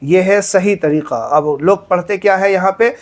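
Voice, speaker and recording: Guy with a high voice explaining prayer mistakes, earnest, says things twice. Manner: earnest, repeats key points, slows to recite verses. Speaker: religious teacher. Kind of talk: instructional talk with recitation.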